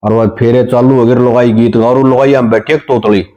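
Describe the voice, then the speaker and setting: A man's voice: mid-range voice, fairly even intonation, normal speed, warm tone, low-quality recording. A man with a Haryanvi accent telling comic village stories in dialect, slipping into sing-song voices for the people in his jokes. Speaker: comedian.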